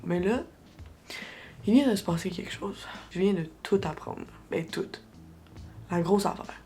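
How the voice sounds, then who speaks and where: A woman's voice: medium pitch, a little slow, dark tone, slight background noise. A young adult woman with a Québécois French accent, talking casually and with strong opinions as a book vlogger, slipping English phrases into her French. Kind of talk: casual reading-reaction vlog.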